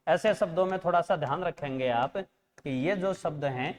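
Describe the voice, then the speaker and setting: A man's voice: a little high, normal speed. Patient male language teacher, echoey. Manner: patient, corrects pronunciation, calls students "beta" and "friends". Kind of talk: exam-prep language lesson. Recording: long reverb.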